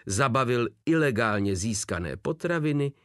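Brief: male narrator, animated intonation, dry close recording. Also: medium pitch, no echo. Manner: expressive storytelling. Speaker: audiobook narrator. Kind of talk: scripted narration.

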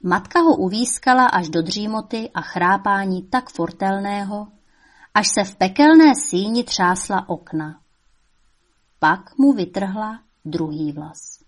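Woman reading a fairy tale. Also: medium pitch. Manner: lively, expressive reading. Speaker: storyteller.

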